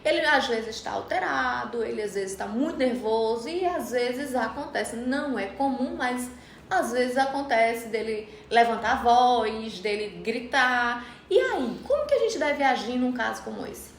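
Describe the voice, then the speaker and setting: High-voiced woman host, echoey room. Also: lively intonation, measured pace, slight background noise. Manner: hesitant, with frequent fillers and restarts. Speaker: podcast host. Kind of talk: interview questions and conversational chat. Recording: roomy echo, off-mic, faint ambience.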